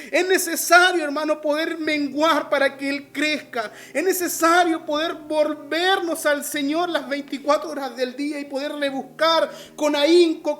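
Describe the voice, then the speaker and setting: A man's voice: extremely high pitch, fairly bright tone. A man with a Chilean Spanish accent, a pastor preaching an online sermon and often calling his listeners brother.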